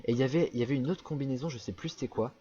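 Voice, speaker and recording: A man's voice: medium pitch, very fast, dark tone, breathy edge, muffled recording. Rambling young man telling a story. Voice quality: rambling, many fillers and restarts. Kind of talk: casual storytelling chat.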